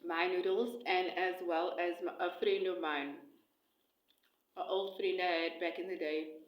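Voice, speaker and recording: A woman from South Africa chatting casually as a food vlogger, hesitant and rambling with pauses between short phrases, recorded on a nearby phone. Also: lowish voice, fairly even intonation, dull audio. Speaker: food vlogger and cookbook author. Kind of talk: casual eat-along chat to camera. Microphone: phone close by, no attached mic. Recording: echoey room, phone microphone.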